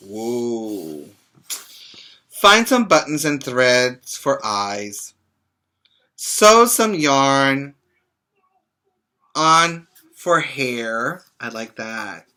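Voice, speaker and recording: A middle-aged man who teaches preschool reads a children's book aloud in a small indoor room and chats with his young pupils. His mid-range voice is simple and expressive, with short asides, and it's picked up by a webcam or laptop mic at arm's length.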